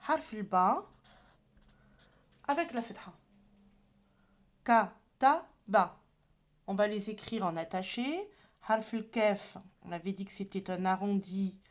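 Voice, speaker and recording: A woman with a mid-range voice and an unhurried pace gives a slow, step-by-step beginners' Arabic lesson. As she writes, she patiently spells out every letter and its sound.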